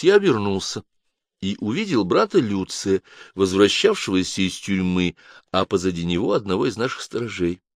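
A man narrating a first-person audiobook in a measured, even storytelling manner. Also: lowish voice, creaky, no room sound, studio quality.

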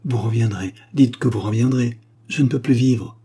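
Man voicing a brutish young lover, pleading, dark husky voice. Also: medium pitch, normal speed, natural voice.

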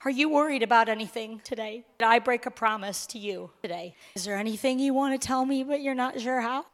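A woman in her forties, a pastor giving a conversational sermon in a church, turning excited when she announces news. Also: on the high side, brisk. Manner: warm conversational preaching, rising to excited announcements. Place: church sanctuary. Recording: long hall reverb.

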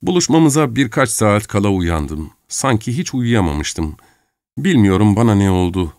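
A man narrating an audiobook in the first person, reading in a measured, expressive way. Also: fairly low pitch, no room sound, clean studio sound.

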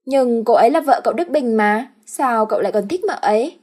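A woman's voice: a little high, animated, brisk, darkish tone, voice pushed up. A woman voicing a nosy young male servant who questions his master familiarly. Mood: curious. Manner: inquisitive, familiar.

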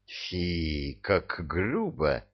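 A man's voice: low-pitched, huge pitch swings, slow pace, muffled recording, heavily acted. Man doing a smug, prissy tipsy devil. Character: tipsy male devil Lucifer, affected and smug.

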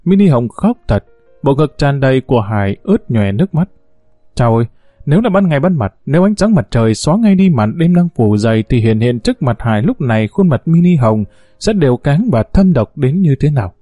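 A man narrating a story in a steady, measured storytelling way. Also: medium pitch, no room sound, faint music behind. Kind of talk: audiobook story reading.

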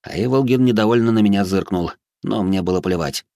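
Low-voiced man narrating a gritty audiobook. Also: brisk, creaky, mellow. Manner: gritty, dramatic, intense. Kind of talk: first-person audiobook narration.

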